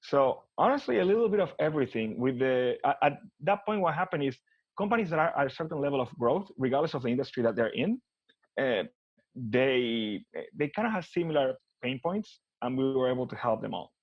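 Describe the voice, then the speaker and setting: Guesting in a relaxed interview, an Argentine business consultant speaks fairly quickly with lively intonation at an ordinary pitch, his voice slightly rough. He's off the cuff, frequently backtracking and repeating himself as he thinks. The audio has no room echo but is a bit muffled.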